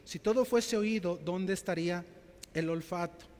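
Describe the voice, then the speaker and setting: Man, pastor, sermon, storytelling, high-pitched, long church reverb. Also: normal speed, a little mellow. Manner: storytelling preacher, acts out quotes, addresses "mis hermanos".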